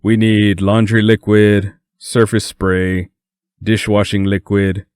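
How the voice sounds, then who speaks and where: A man playing a playful young man in a storybook, teasing and upbeat, in a low voice close to the reader's own. The sound is dry and close. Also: level tone, takes it slowly, a little mellow, clean tone, no echo.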